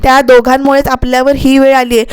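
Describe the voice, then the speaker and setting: Woman voicing an angry young wife, high pitch, accusing, shouting. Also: little pitch movement, clean tone, lightly acted. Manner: furious, accusing, rapid outbursts.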